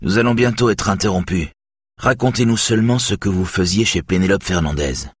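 A man doing a grave, calm detective. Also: sits low, a little fast, husky, no echo, clean studio sound, voice pushed up.

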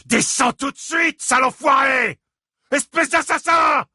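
A man voicing an enraged, grieving father who bellows threats and insults, pitched far above his own voice. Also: a little slow, bright, forceful tone, no echo, shouting, clean studio sound, exaggerated voice. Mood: raging shouts.

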